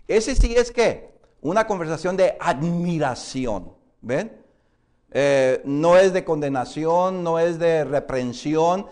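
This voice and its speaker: A man teaches a Bible course in a classroom lecture. His voice sits a little high, and he keeps turning questions to the class. He often pauses and restarts his sentences. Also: a little mellow. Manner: explains with many questions to the class and "hermanos"; hesitant, frequent "eh" fillers and restarts.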